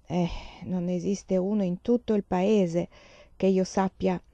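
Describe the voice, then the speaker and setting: A woman's voice: lowish voice, fairly even intonation, slow, mellow, dry recording, muffled recording. A woman reading the part of a cheerful, joking pioneer father in an audiobook, in her own voice. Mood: practical.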